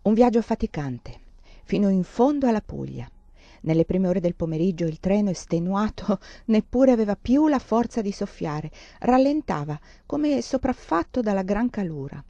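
A woman reading a novel aloud in a measured, expressive narration, close to the mic. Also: medium pitch, no echo, muffled recording. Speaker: audiobook reader.

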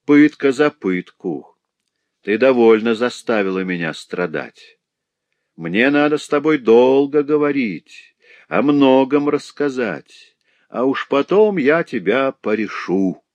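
A man voicing a brutal, vengeful man who threatens slowly in a hoarse voice. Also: mid-range voice, lively intonation, darkish tone, dry recording, voice pushed up. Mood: menacing. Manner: slow, menacing threats.

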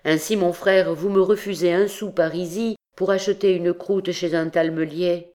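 A woman's voice: lowish voice, fairly even intonation, moderate pace, pitched above the performer's own voice, natural voice. A woman reading an audiobook, voicing a brash, mocking young male student who pleads and jokes theatrically. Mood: pleading. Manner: pleading then cheeky, loud and theatrical. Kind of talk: audiobook reading of a classic novel.

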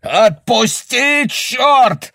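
A man reading aloud and voicing a wary, blustering older father who demands answers and yells. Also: medium pitch, big pitch swings, a little slow, no echo, studio quality, pitched above the performer's own voice. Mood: yelling.

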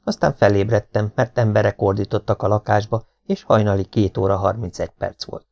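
A man reading an audiobook aloud as first-person narration, in a plain, flat manner. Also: on the low side, gravelly, no room sound. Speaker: audiobook reader. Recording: dull lo-fi home recording.

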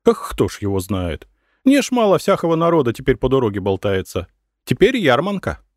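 A man's voice: medium pitch, wildly swooping pitch, a little fast, a little mellow, no echo, clean studio sound, pitched above the performer's own voice. A man voicing a plain-spoken peasant woman at a village inn, with a drawling folk way of talking. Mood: matter-of-fact.

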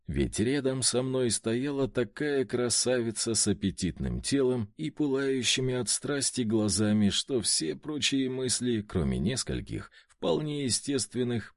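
A man narrating a first-person story in an expressive audiobook reading. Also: mid-range voice, no room sound, clean studio sound.

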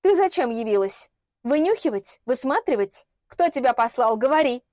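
A woman's voice: high voice, lively intonation, normal speed, a little mellow, dry recording, clean studio sound, voice pushed up. A woman reading an audiobook, voicing a hostile, secretive young woman who hisses and interrogates. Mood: angry. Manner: hissing, interrogating.

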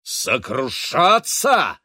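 A man voicing a weary old sea captain in an audiobook, speaking in a booming, grim and forceful manner. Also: a little slow, no echo, clean studio sound. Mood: angry.

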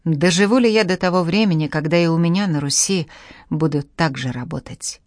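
An imperious tsar of old Russia gives orders in an abrupt, commanding tone, read by a woman. The voice sits low for a woman, and the recording is dry and close. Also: brisk, no room sound, natural voice. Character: angry then grateful male tsar, commanding.

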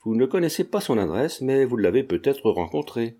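A man's voice: medium pitch, very animated, moderate pace, mellow, slightly rough. A man reading as a brash young painter. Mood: teasing. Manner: blunt, teasing.

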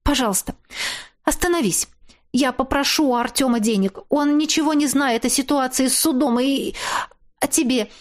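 A woman voicing a frightened young mother held captive, pleading and high-strung. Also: moderate pace, close to an everyday voice.

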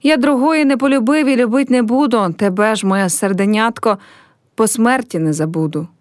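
A woman's voice: fairly high pitch, normal speed, no room sound, clean studio sound, natural voice. A woman reading a play aloud and voicing an earnest, troubled poor young man in love.

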